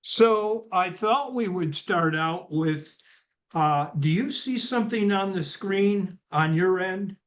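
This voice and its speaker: Slow-talking man hosting a video call. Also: high voice, a bit bright. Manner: halting, many fillers and restarts. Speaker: interview host. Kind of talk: casual video-call interview.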